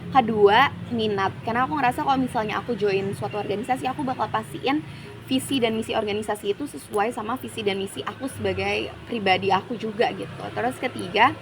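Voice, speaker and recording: A woman's voice: fairly high pitch, quick pace. A chatty young woman from Jakarta talks casually as an interview guest, slipping English phrases into her sentences. The recording carries a faint background hiss. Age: young adult. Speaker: university student guest.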